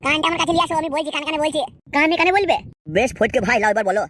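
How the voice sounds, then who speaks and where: A woman's voice: high voice, animated, very fast, fairly bright tone, slight background noise. A woman voicing a scheming young man who poses as a matchmaker in a comic cartoon, chatty and teasing.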